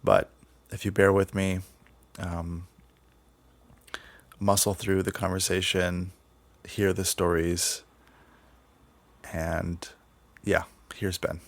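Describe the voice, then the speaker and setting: A man hosting a podcast, talking casually in measured, sometimes hesitant phrases. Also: deep voice, level tone. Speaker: podcast host. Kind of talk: casual podcast introduction and conversation.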